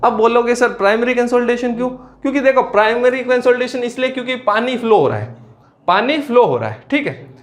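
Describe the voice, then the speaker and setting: A man teaching an engineering exam class, asking questions and answering them himself, repeating key terms slowly. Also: lively intonation. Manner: drops to low, quiet asides on filler words. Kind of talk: classroom lecture.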